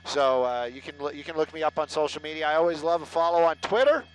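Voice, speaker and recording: A middle-aged man reports traffic from a helicopter, talking into a headset in a slightly high voice. He rambles in a loose, joking way, sarcastic and self-deprecating. A faint engine hum sits behind him. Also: fast talker, rough recording. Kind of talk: live casual on-air chatter. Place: inside a helicopter in flight.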